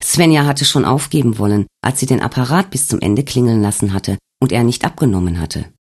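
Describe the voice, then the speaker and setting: Husky male audiobook narrator. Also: mid-range voice, brisk. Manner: steady storytelling. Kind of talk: scripted narration.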